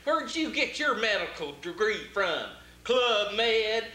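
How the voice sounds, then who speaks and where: A man's voice: high voice, very animated, takes it slowly, bright, forceful tone, heavily acted. A man playing a sarcastic cowboy lawyer. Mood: mocking. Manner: sarcastic, needling. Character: brash Texan cowboy lawyer, mocking. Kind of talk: amateur stage comedy-mystery. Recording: echoey stage with faint hum.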